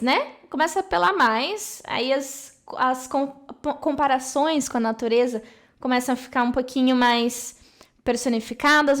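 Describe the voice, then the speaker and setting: A young woman teaching an English lesson in a chatty way, often checking in with the listener. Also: sits high. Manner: chatty, explains warmly with many "né?" asides. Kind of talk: casual video lesson.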